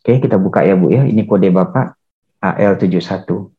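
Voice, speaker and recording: A man lecturing on counseling, calm and measured, acting out what counselor and client say. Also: low-pitched. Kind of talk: lecture with acted counseling examples. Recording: dull lo-fi recording.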